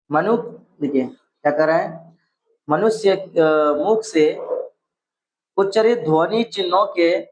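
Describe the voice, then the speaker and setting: A man with a somewhat high voice leads a casual exam-prep grammar lesson. He asks each question, then repeats the answer back to his students to make it stick. The recording sounds a little dull and lo-fi. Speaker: teacher.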